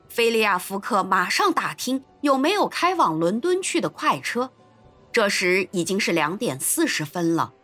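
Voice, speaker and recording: A woman narrating an episode of a classic adventure novel in an expressive storytelling manner. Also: mid-range voice. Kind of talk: scripted narration.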